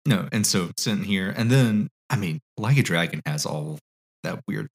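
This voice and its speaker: Deep-voiced man in his twenties chatting. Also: expressive, moderate pace, vocal fry, slightly rough. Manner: chatty, lists things eagerly. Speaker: podcast co-host. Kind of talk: casual chat.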